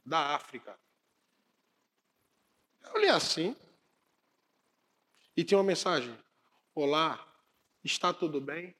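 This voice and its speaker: Animated male preacher, higher voice, storytelling sermon, acts out the dialogue.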